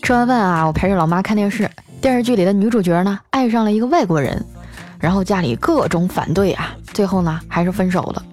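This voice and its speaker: A woman's voice: mid-range voice, fast talker. Chatty woman storyteller. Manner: lively, chatty, acts out quoted voices. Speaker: podcast host. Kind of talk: comic storytelling. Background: soft background music.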